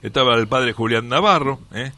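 A man with an Argentine accent hosting a casual radio chat, talking fast. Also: mid-range voice, bright, forceful tone. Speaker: radio host.

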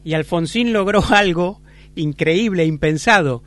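Argentine guy interviewing, quick short interjections, fairly high pitched. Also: fairly bright tone, dry recording. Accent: Argentine Spanish. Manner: brief interjections, supplies facts. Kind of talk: interview questions.

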